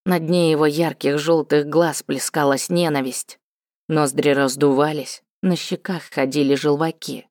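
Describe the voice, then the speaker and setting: A woman narrating a fantasy audiobook in a steady, even storytelling manner. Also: sits low, measured pace, no echo, studio quality.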